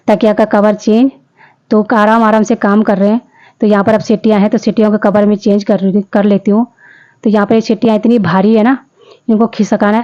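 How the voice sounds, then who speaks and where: A woman's voice: medium pitch, warm tone, lo-fi sound. A woman in her fifties narrating her home vlog in a chatty, homely way, speaking straight to her viewers. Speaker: vlogger. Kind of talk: casual vlog voice-over narration.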